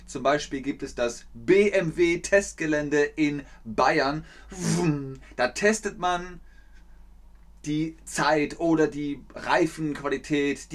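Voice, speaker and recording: A man with a northern German accent teaches a language lesson to a live online audience. He talks at an unhurried, slow pace in a somewhat raised voice. He acts out the insults playfully, with sudden loud bursts. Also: on the high side.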